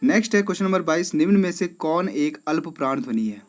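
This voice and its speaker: A man's voice: a little high, animated, fast. A man with an Uttarakhand Hindi accent, teaching as he walks through exam quiz questions one by one. He calls the viewers friends and keeps checking in with them. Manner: addresses viewers as friends, repeats "theek hai".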